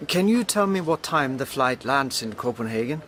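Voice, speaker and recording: A man's voice: medium pitch, animated, normal speed, a bit bright, a little hiss or hum, lightly acted. A man playing a polite, reasonable businessman in scripted language-course dialogues. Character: polite, reasonable businessman, colleague and air traveller.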